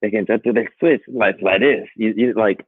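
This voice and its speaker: A young man talking as a guest in casual chat, relaxed and animated. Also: on the low side, normal speed, slightly rough, no room sound. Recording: dry tinny phone-like line.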